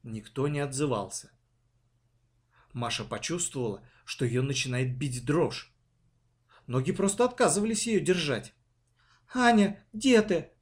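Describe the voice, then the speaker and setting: A man narrating a children's story in a dramatic, expressive reading. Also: mid-range voice, moderate pace, pauses often.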